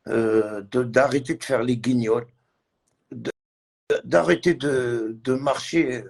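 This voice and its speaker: A livestreamer with a medium-pitched, creaky voice rants slowly, agitated and repetitive. He mixes French with Arabic and Kabyle.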